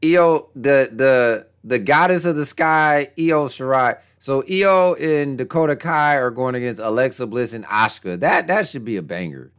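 A man's voice: normal speed, hardly any pauses, smooth. A young man chatting casually and jokingly on a wrestling podcast, using slang and swinging his voice around for effect. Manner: animated, jokey, slangy, with big pitch swings. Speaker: podcast co-host.

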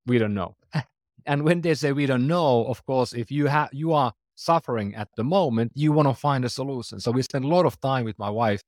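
A man's voice: medium pitch, fairly quick, dry recording, studio quality. A man in his forties with a Finnish accent, a startup founder talking earnestly in a conversational interview, phrasing loosely with restarts. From Finland. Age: 40s.

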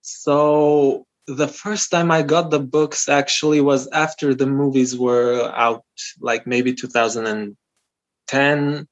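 A young man in his twenties from North Macedonia, a native Albanian speaker, tells a story as a podcast guest in a casual interview, with lots of fillers and restarts. His mid-range voice moves slowly with fairly even intonation. The audio is muffled and lo-fi.

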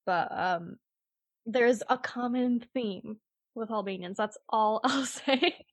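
Speaking slowly in a voice on the high side, a woman in her twenties who works in real estate gives blunt, offhand interview answers. She animates her retelling with quoted asides and frequent "like," and the recording is dry.

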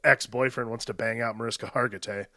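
A man's voice: medium pitch, steady tone, fast, creaky, pushed and bright, no room sound, clean studio sound. A man co-hosting a podcast, rambling casually about a movie with many "like"s and some swearing. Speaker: podcast co-host.

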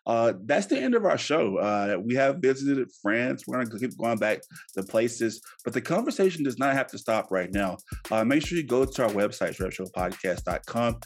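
A man's voice: mid-range voice, big pitch swings, moderate pace. A man hosting a podcast, talking in a loose, chatty way with many fillers and restarts. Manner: upbeat sign-off plugs. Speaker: podcast host. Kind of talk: casual podcast interview.

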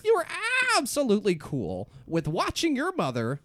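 A woman's voice: mid-range voice, wildly swooping pitch, normal speed, no room sound. A woman voicing a flustered, whiny male bird with wings in an improv sketch, stammering through melodramatic complaints.

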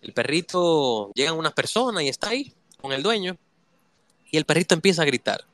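Guy doing a motivational talk, bright punchy voice, dry sound. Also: fairly high pitch, lively intonation, brisk, dry recording. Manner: emphatic, addresses listeners directly with rhetorical questions. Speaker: motivational speaker.

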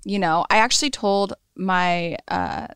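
A woman hosting a podcast in casual interview chat, playful, firing off quick questions and laughing often. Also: fairly low pitch, sing-song, a bit bright. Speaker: podcast host.

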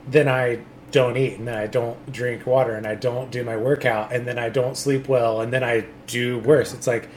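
A man's voice: mid-range voice, little pitch movement, normal speed. A man talking casually as a co-host on a podcast. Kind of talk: casual chat. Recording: faintly noisy recording.

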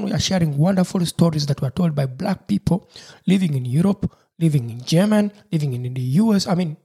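A man's voice: on the high side, mellow, breathy edge. A male podcast host from Uganda, reading an earnest, repetitive introduction to an episode.

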